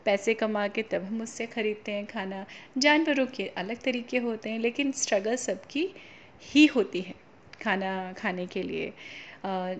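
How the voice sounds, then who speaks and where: A woman's voice: mid-range voice, slight background noise. A woman telling a fable to children, stopping to explain things and ask them questions. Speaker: storyteller for children. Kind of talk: storytelling to children.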